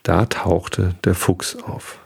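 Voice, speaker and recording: A man reading a picture book aloud, calm and unhurried. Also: low-pitched, creaky, husky. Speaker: reader.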